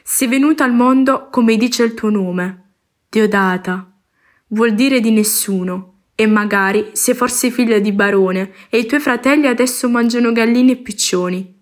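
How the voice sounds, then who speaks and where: Woman reading in a measured, reflective way. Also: a little high. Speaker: reader. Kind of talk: reading a novel passage aloud.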